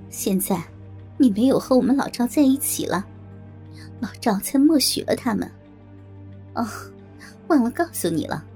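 A woman's voice: a little high, dark tone. A woman voicing a cruel, scornful female tormentor in an audio story, speaking in a sneering, contemptuous way.

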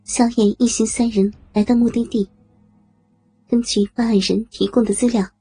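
A woman narrating an audio story with a steady, measured reading. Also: fairly high pitch, husky. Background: faint music.

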